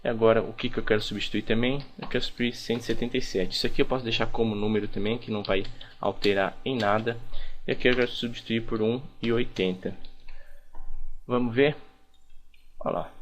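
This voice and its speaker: A young man teaching a programming lesson over a screen recording, talking casually and thinking aloud with frequent restarts. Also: lowish voice. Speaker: programming instructor.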